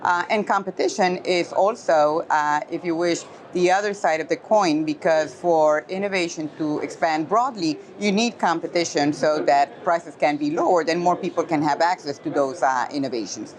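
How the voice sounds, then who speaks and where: A woman from Costa Rica, a trade policy expert, answering interview questions in a measured, explanatory way with frequent pauses. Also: low voice. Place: trade symposium in New York.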